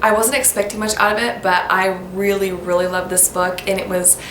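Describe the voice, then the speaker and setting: This US baby-name vlogger speaks fairly quickly in a mid-range, fairly bright voice with fairly even intonation. She's casual and gushing, spelling some words letter by letter, in an echoey, noisy room.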